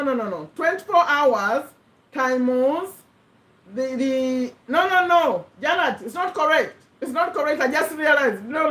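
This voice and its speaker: Her voice is high and a bit bright, captured in a rough recording: a vlogger from Uganda in her fifties, living in the USA, chatting casually to the camera. Earnest and rambling, she keeps correcting herself.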